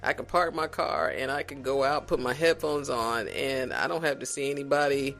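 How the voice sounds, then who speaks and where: A man from South Carolina, a podcast guest in casual conversation, talking in a reflective, unhurried way with many restarts. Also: medium pitch, gravelly, a bit bright, soft background music.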